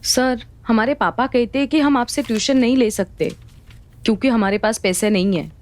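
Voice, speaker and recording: A woman's voice: a little high, normal speed, lightly acted. An actress playing a polite young female student from a poor family, deferential to her teacher.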